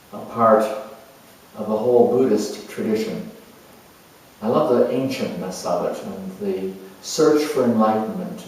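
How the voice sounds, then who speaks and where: In a reverent, reflective mood, a man from New Zealand delivers a dramatized monologue as a creative, sensual, spiritual-seeking middle-aged sculptor, pausing often in a halting, musing, expressive way. His pitch is fairly low, with a little background noise. He performs before an audience in a very echoey room, recorded from a distance.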